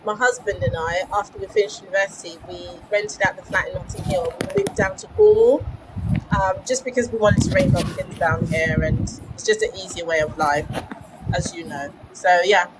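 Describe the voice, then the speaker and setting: A woman in her thirties with a British accent, chatting on a live stream from home, emphatic and quick to laugh. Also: on the low side, expressive, noisy background. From England. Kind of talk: casual live chat. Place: home in Cornwall.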